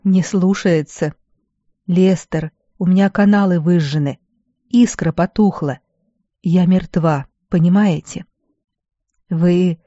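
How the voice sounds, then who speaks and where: A woman's voice: on the low side, warm tone, dry recording, dull audio. A reader doing a wounded young battle mage woman. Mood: bitter. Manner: weak, remorseful, bitter. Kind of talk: audiobook character voice.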